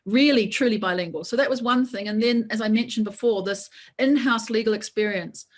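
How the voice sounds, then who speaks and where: This New Zealand woman, a lawyer and coach, chats her way through a casual webinar in a brisk, fairly high voice. She's encouraging and talkative, and she keeps leaning on "right?"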